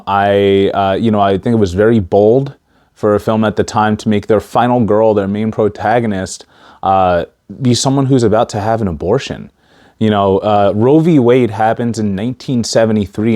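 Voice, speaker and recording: Low-voiced man, stiff-mouthed after dental surgery. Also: dark tone. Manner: stiff-mouthed speech after wisdom teeth removal, limited facial mobility. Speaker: YouTube movie reviewer. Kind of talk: casual talk to camera.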